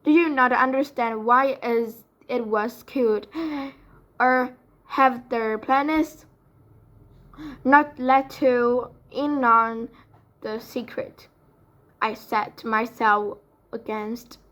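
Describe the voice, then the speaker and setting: A woman voicing a calm, noble male centaur in a storybook reading, speaking gravely and earnestly. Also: on the high side, slow pace, pauses often. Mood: urgent.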